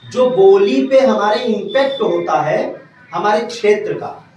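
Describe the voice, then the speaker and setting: A male teacher gives a classroom grammar lecture in a fairly high voice. He often pauses to ask whether the class is following. The sound is very echoey and distant, as if the mic is across the room. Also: lively intonation, a little mellow, a little hiss or hum. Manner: keeps checking if students understood.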